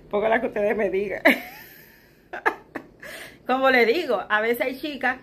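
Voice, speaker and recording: A woman's voice: fairly high pitch, big pitch swings, slow pace, a bit bright, a little hiss or hum. Chatty Dominican woman vlogging from home. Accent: Dominican Spanish. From Dominican Republic. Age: adult with children. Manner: chatty, talks straight to her viewers as "chicas" and acts out quoted remarks. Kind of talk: casual chat to viewers. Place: her bedroom at home.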